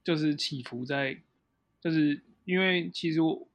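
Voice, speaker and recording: A man's voice: a little high, unhurried, no room sound. A man who sings in a band, answering interview questions in a reflective way that stops and restarts. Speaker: band singer, guest. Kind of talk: casual interview chat.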